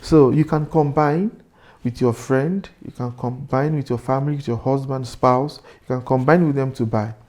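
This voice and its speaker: A man's voice: mid-range voice, fairly even intonation, normal speed, few pauses, darkish tone. A man, a real estate agent explaining finances step by step in an interview. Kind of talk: interview answers.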